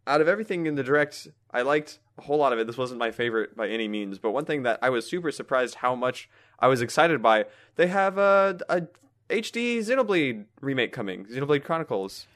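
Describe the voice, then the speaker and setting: A man co-hosting a podcast, talking casually and telling rambling, animated stories. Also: medium pitch, brisk. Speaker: podcast co-host. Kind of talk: casual chat.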